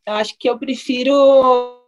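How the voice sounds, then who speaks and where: Casting: young Brazilian woman, high bright voice, playful and quick to laugh, casual podcast guest. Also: steady tone, muffled recording. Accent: Brazilian Portuguese. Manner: playful, laughs often, jokes in broken English. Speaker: guest, professional basketball player.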